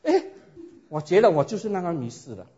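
A man preaching a sermon and telling his own story in a lively way, often asking his listeners rhetorical questions. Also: high voice, fairly quick, heavy background noise. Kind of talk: sermon with personal testimony. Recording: dull lo-fi recording.

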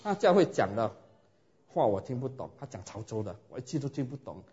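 Animated male preacher, lo-fi recording. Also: medium pitch, a little fast. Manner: animated storytelling, rhetorical questions to listeners. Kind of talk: sermon with personal testimony. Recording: dull lo-fi recording.

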